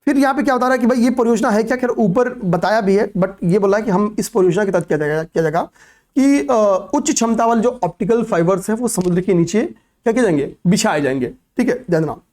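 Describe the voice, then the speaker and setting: A man's voice: high voice, expressive, fast talker, a little mellow. A young man lectures an exam-prep class in a conversational teaching voice. He circles back over each fact, asks questions and answers them himself, and keeps tossing in "okay, pay attention" to his students. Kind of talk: classroom lecture on current affairs.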